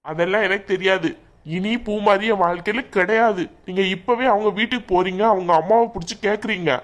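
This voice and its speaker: A woman's voice: mid-range voice, fairly even intonation, brisk, close to an everyday voice. A woman voicing an angry young married man in a cartoon, demanding answers from his mother. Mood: furious. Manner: shouting, demanding. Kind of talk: cartoon voice acting.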